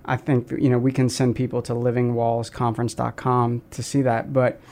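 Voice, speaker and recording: A man's voice: mid-range voice, completely flat delivery, normal speed, a little mellow. A man hosting a radio show, giving a scripted intro and outro and asking friendly questions. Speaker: radio host.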